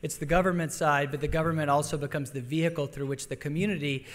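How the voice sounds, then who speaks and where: A man from Denver giving a conference luncheon speech, halting with restarts and fillers. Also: on the high side, steady tone. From Denver, Colorado. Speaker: conference speaker. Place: large conference hall. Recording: long hall reverb.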